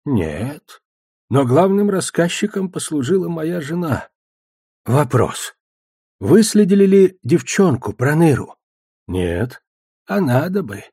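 A man's voice: fairly high pitch, big pitch swings, slow, long pauses, dark tone, breathy edge, no room sound, studio quality, voice pushed up, exaggerated voice. A man voicing an older male wizard who talks in a wandering, thoughtful way, in an audiobook.

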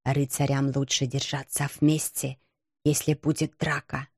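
A woman's voice: a bass voice, level tone, a little slow, creaky, husky, no echo, studio quality, pitched below the performer's own voice, heavily acted. A woman doing a timid, gloomy knight. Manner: soft, sad and hesitant. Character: timid, gloomy, thin stooped male knight.

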